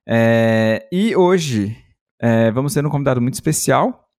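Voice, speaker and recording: A man's voice: medium pitch, animated, unhurried, darkish tone, dry recording, clean studio sound. A man with a Brazilian Portuguese accent hosting a podcast, chatting casually and informally with slang. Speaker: podcast host. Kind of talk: casual interview chat.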